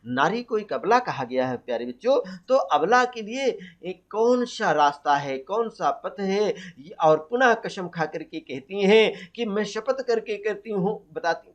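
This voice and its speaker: A man teaching a Hindi poetry lesson for exam prep, quizzing students and answering his own questions. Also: high voice. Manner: asks questions and answers them himself; recites verse slowly. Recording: dull lo-fi audio.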